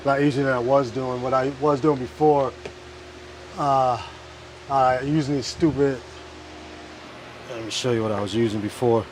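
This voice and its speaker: A man's voice: mid-range voice, steady tone, normal speed, long pauses, poor audio. A man casually narrating his hands-on work in a vlog, muttering to himself in an offhand way and swearing now and then. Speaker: DIY vlogger. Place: inside a food truck. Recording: clear vehicle and fan noise.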